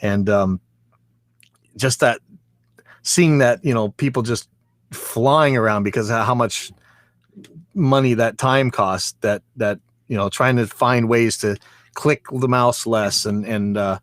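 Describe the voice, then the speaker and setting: A man's voice: mid-range voice, slow pace, long pauses, dry recording, clean studio sound. A man chatting casually and telling anecdotes like a recording engineer, rambling and repeating phrases as he goes. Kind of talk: casual chat, anecdotal storytelling.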